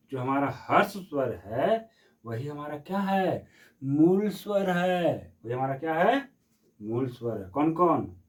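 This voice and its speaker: A man's voice: on the high side, distant mic. A man teaching a Hindi grammar lesson who repeats each question and answers it himself, stretching vowels to demonstrate.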